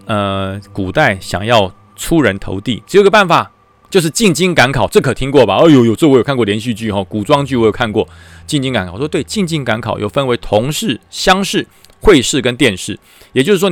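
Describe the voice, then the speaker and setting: A man with a Taiwanese Mandarin accent tells a story podcast in a lively, chatty way, recounting his army days as a battalion commander. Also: medium pitch, fairly quick, no echo. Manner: lively, chatty, acts out the voices.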